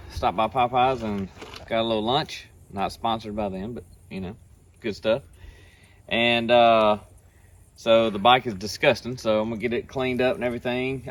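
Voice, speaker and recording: A man talking casually to camera at home, rambling and easygoing, often trailing off into quiet asides. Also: on the low side, a little hiss or hum. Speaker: vlogger. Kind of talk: casual video outro. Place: at home after a ride.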